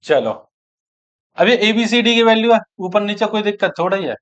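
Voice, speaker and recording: A man's voice: high voice, expressive, fairly quick, fairly bright tone, dull audio. A man teaching an exam-prep maths lesson, working through sums aloud and asking and answering his own questions. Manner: addresses students as friends and brothers.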